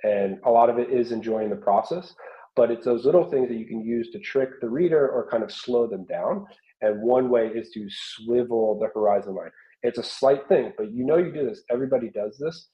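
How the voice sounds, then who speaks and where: Speaking a little fast in a mid-range voice, a South Carolina man in his thirties teaches art informally in an online workshop, working through examples. He's indoors in a small home room, captured on roomy, slightly muffled webcam audio.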